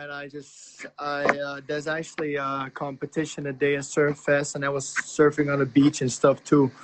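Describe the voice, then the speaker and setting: A man's voice: mid-range voice, noisy background. A man from Thailand, a rapper guest, talking in a laid-back, slangy, rambling way over a video call while tired from being up at night. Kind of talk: casual interview chat.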